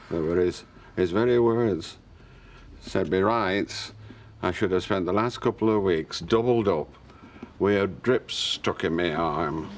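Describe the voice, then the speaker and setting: An actor playing a pompous, self-dramatising older man with a northern English accent and florid phrasing in a TV soap. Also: low voice. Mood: boastful. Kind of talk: TV soap dialogue.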